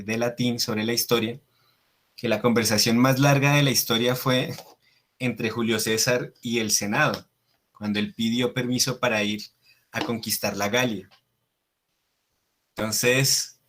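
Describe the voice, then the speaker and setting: Slow, deliberate male Latin teacher. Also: mid-range voice, fairly bright tone. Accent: Latin American Spanish. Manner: slow, deliberate, frequent checking questions ("¿sí?"); spells out and repeats Latin phrases slowly. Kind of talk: classroom lecture over slides.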